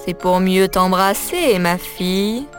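A woman voicing a cunning, hungry wolf in a storybook tale, talking slowly and slyly. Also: medium pitch, soft background music, natural voice. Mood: menacing. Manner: slow, sly and drawn-out.

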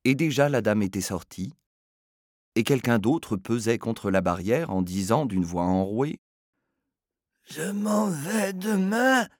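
Expressive male storyteller, lively pitch. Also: measured pace, dry recording, clean studio sound. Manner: expressive, theatrical reading. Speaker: narrator. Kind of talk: scripted story narration.

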